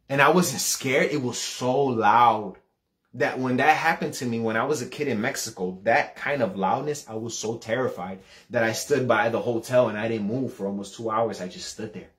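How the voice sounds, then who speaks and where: A man's voice: medium pitch, moderate pace, a bit bright. A man in his thirties sharing a fervent personal religious testimony, earnest, repeating himself as he builds. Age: 30s. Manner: earnest and fervent, repeating words and voice rising when retelling.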